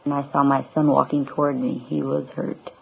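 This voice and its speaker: A woman's voice: rumbling low, level tone, brisk, creaky, a little hiss or hum. A mother recounting events in an interview, plain and subdued. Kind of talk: recorded interview testimony. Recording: tinny lo-fi old radio recording.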